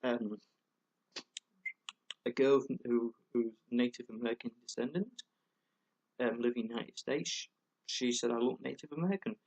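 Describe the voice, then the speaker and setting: Through a muffled recording comes a husky, slightly mellow, medium-pitched voice at a moderate pace, pausing often. The man vlogs a heated, rambling rant, swearing plenty and stumbling over fillers and repeated words.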